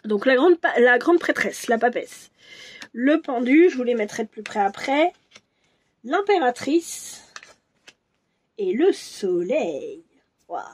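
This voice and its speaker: High-voiced woman musing over tarot. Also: sing-song, takes it slowly, long pauses, breathy edge. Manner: musing, hesitant, many restarts, soft asides. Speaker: tarot reader. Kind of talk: casual tarot reading to camera.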